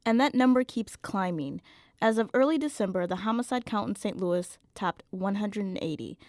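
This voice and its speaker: A woman co-hosting a public radio podcast, narrating a script in a measured, clear way. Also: medium pitch, darkish tone, no room sound. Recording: dry studio with faint music bed.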